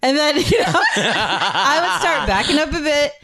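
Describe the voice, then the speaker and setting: A woman hosting a family podcast, telling a childhood story in an animated way and laughing often. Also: high voice, a little slow. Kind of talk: casual family chat.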